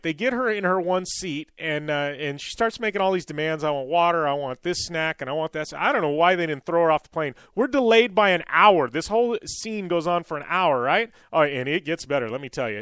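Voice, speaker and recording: Male radio host, slightly high voice, dry studio sound, chatty storyteller. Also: no room sound. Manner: animated, digressive anecdote-telling with fillers. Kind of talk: casual storytelling monologue.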